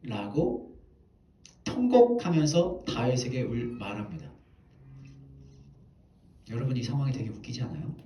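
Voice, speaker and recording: A man's voice: medium pitch, very animated, a little slow, pauses often, distant mic. Man preaching in an echoey hall. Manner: storytelling, dramatic shifts between hushed and loud. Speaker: pastor. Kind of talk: Sunday sermon. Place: church.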